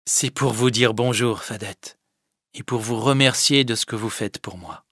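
A man reading an audiobook, voicing a sickly, clingy young village man who speaks softly and plaintively. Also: mid-range voice, a little slow, no room sound, studio quality. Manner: plaintive, soft-spoken. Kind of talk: audiobook character voice.

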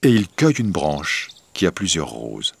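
A man reading a fairy tale aloud as narrator, slow, deliberate and expressive. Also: extremely low pitch, vocal fry, husky. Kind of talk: scripted storybook narration.

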